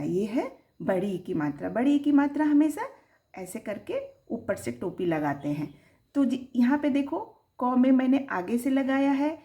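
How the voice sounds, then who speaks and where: A woman teaching young children, sounding out syllables slowly and lifting her voice on each example word. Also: a little high, mellow. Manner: slow, drawn-out, sounding out syllables; sing-song, rising on the example words. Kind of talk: children's Hindi lesson.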